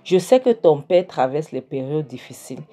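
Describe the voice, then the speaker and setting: A woman's voice: low voice, expressive, moderate pace, mellow. Woman voicing a stern advising mother. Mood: earnest. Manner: earnest, insistent advice.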